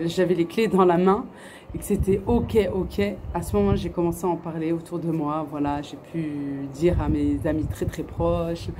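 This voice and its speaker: Speaking in a lowish, mellow voice over a little hiss or hum, a middle-aged woman from France answers her viewers' questions to camera. This family vlogger talks earnestly, full of fillers and restarts, with faint outdoor sounds in the background.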